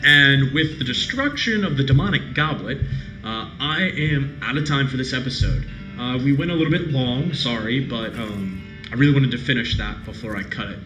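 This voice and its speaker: A man's voice: mid-range voice, expressive, normal speed. A man hosting a let's play, reading game text aloud and adding casual comments. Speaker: gaming video host. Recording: roomy echo, music behind.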